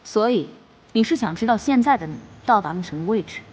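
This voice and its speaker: An actress playing the sharp, self-assured female head of an information network, briefing others. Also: mid-range voice, lively intonation, a little fast, slight background noise, lightly acted. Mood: confident. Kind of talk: period drama acting.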